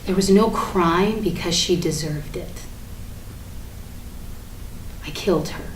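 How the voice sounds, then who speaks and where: Speaking slowly at a fairly low pitch, a woman plays a defiant everywoman who gleefully owns up to killing Barbie in a theatrical monologue. Her tone is bitter and confessional, sardonic and emphatic, moving from hushed confiding to outraged ranting. It's recorded live at a staged reading in an echoey room with noise behind her.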